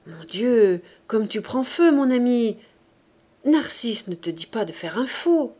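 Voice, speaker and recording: A woman reading the part of a fierce, ambitious bourgeois mother who speaks in sharp, forceful outbursts. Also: a little high, very animated, slow pace, voice pushed up, heavily acted. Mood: persuasive.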